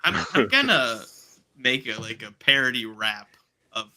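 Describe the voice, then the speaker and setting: A man's voice: mid-range voice, big pitch swings, a little slow, pushed and bright. A man hosting a casual live stream on a video call, chatty and joking, often trailing off and restarting. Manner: chatty, trails off and restarts, jokes about acronyms.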